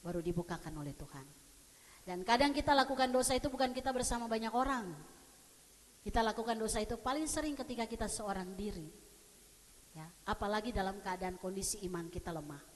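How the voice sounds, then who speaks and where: High-voiced woman pastor preaching. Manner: conversational, humorous, asks the congregation questions. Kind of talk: sermon. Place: church sanctuary. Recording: long church hall reverb.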